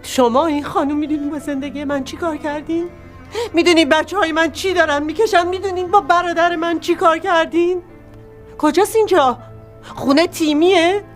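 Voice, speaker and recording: A woman's voice: medium pitch, darkish tone, soft background music, lightly acted. An actress playing a middle-aged widow and mother of two who pleads and accuses. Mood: furious. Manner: pleading, then bitter and accusing. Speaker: widow confronting her husband's associates. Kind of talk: TV drama acting.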